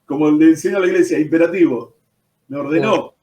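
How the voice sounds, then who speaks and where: A man's voice: on the high side, fast, warm tone. A man with an Argentine accent, a pastor giving his personal testimony in an interview, telling it as a story and dropping "¿viste?" as he goes. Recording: roomy echo, distant from the mic.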